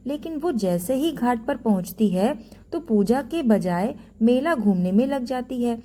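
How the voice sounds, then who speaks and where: A woman narrating a devotional folk tale with expressive storytelling. Her voice sits a little high, and her tone is warm and mellow.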